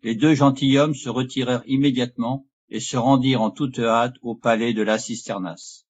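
A man reading a classic novel aloud as an audiobook, in measured, even narration. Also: mid-range voice, slightly rough, dull audio. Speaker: audiobook reader. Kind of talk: scripted narration.

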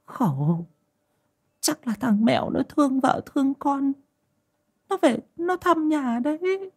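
A man voicing a grieving old village widow who wails her lament in a high, tearful, sing-song voice. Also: big pitch swings, slow pace, full character voice. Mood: soothing. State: crying.

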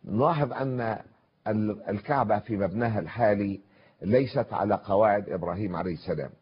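Husky older man lecturing on scripture. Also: lowish voice. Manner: measured, reciting verses, pausing with drawn-out fillers. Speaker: scholar giving a televised Quran commentary. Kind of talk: formal televised religious lecture. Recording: dull lo-fi broadcast audio.

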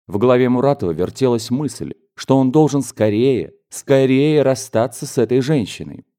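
A man narrating a classic novel as an audiobook in a measured, even reading. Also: medium pitch.

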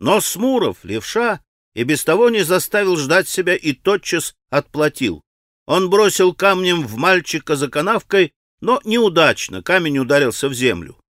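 Male audiobook narrator, expressive storytelling, bright tone, dry close recording. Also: a little high, moderate pace, dry recording. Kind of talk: scripted narration.

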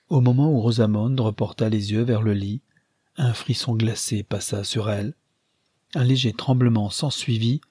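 A man narrating a classic novel in a measured, even audiobook reading. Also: on the low side, slightly rough, no echo, studio quality.

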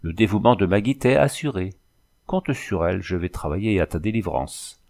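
A man with a deep, gravelly voice reads a storybook aloud at normal speed. He voices a proud young native woman who speaks calmly and solemnly and often refers to herself by name.

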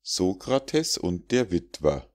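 Tiefe, langsame Männerstimme liest Versfabeln. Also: male voice, sits low, sing-song, darkish tone. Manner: measured, declamatory verse reading. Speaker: audiobook narrator. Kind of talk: scripted narration of rhymed fables.

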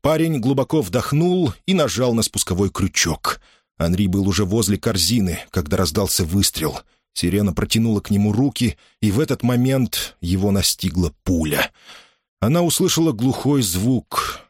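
A man narrating a dramatic story as an audiobook in a measured, expressive way. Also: fairly low pitch, slightly rough, dry recording, clean studio sound.

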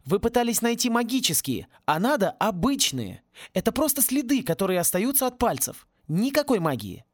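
A man reading an audiobook and voicing an eager, hurried young schoolboy wizard. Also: high-pitched, big pitch swings, no room sound, clean studio sound, voice pushed up.

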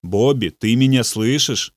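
A man voicing a calm, firm pastor in an audiobook, speaking with steady authority. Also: medium pitch, normal speed, no echo, studio quality, natural voice. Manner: firm and commanding. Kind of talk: audiobook reading.

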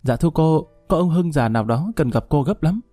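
A little servant girl, sleepy and timid, speaking in a raised, deferential voice, as a male storyteller puts her on. The tone stays warm and dry. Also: a little high, animated, a little fast, no echo, faint music behind, pitched above the performer's own voice.

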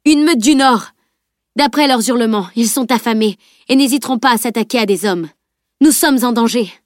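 A woman's voice: fairly high pitch, normal speed, no room sound, clean studio sound, voice pushed up, close to an everyday voice. A woman voicing a tense commanding male warrior leader who barks urgent orders in a storybook reading.

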